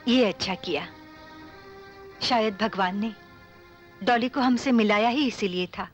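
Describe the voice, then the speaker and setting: An actress playing a caring, devout older mother who speaks in a gentle motherly way. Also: mid-range voice, measured pace, muffled recording, soft background music, natural voice. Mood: worried.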